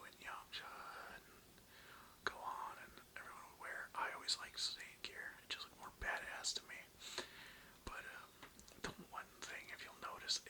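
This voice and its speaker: A young adult ASMR video creator and host whispers breathily, the voice mostly unvoiced. The talk is casual, slangy and rambling, with some swearing.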